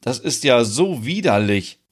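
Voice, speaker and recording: A man's voice: mid-range voice, big pitch swings, unhurried, breathy edge. Squeamish, queasy young man, voiced by the narrator, groaning, storybook reading.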